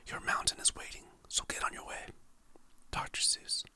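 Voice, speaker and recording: In a gentle ASMR whisper, a content creator slowly reads out motivational quotes and affirmations, following each quote with the author's name.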